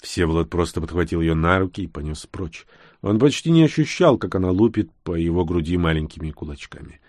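A man narrating a post-apocalyptic audiobook in a steady, dramatic reading style. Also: deep voice, fairly quick, no room sound, clean studio sound. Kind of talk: scripted narration.

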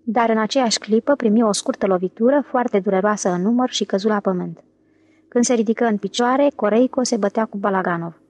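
Lady reading an audiobook, steady even voice, dry close mic. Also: medium pitch, dry recording. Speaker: audiobook narrator. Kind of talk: scripted narration.

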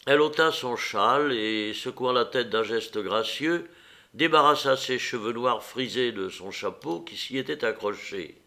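Measured male audiobook narrator. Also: mid-range voice, sharp tone. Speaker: audiobook reader.

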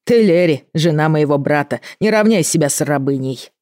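A woman's voice: low voice, expressive, normal speed, darkish tone, no room sound, clean studio sound. A woman voicing a grim, curt young man who talks in clipped, dismissive phrases.

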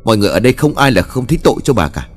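A man's voice: lowish voice, very animated, racing, faint music behind. A man voicing a hot-tempered village man who scolds and threatens brusquely. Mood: angry.

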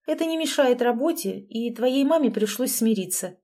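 An excitable fifty-year-old lady therapist, as a woman reader puts her on, pitched well above the narration and shrieking her scolding lines. The underlying voice stays soft and mellow. It is a storybook read-aloud. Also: moderate pace. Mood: teasing. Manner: shrill, exclaiming, scolding.

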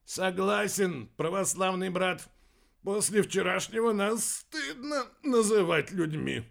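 A man playing a boisterous ancient captain in an audiobook. He booms out every line slowly, in a raised voice, and sounds grand and self-important. The pitch sits high for a man. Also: animated, vocal fry, heavily acted. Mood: booming. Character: boisterous ancient male Serbian captain, loud and pompous. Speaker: audiobook narrator.

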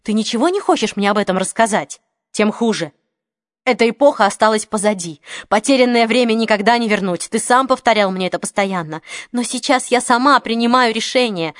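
A woman's voice: mid-range voice, normal speed, dry recording, clean studio sound, lightly acted. A woman reading the part of a young journalist who speaks urgently and firmly. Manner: urgent, forceful. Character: determined young journalist woman, tense and defiant.

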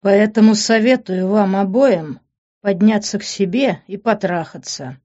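A woman's voice: medium pitch, unhurried, a little mellow, muffled recording, pitched above the performer's own voice, natural voice. A woman voicing a blunt, cocky young man who lectures his parents.

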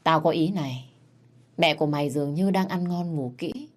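A woman's voice: deep voice, normal speed. A woman voicing a cruel, scheming male crown prince in a read-aloud story, taunting and menacing.

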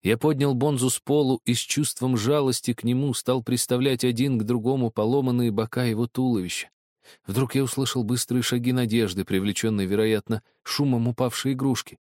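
A man narrating literary prose as an audiobook in a measured, expressive way. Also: mid-range voice, dry recording, studio quality.

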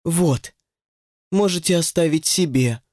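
A man's voice: a little high, slow, darkish tone, dry recording, studio quality, pitched above the performer's own voice. Man voicing an eager, pleading witch woman. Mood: reassuring. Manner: insistent, pleading, honeyed when coaxing. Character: eager, pleading middle-aged female witch.

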